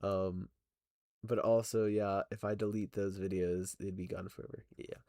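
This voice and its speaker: Deep and mellow, this young man's voice keeps a level tone and moderate pace as he streams his stop-motion animation work. The livestream chat is casual and rambling, with lots of fillers, self-corrections, laughter, and reading of chat, recorded dry with clean studio sound.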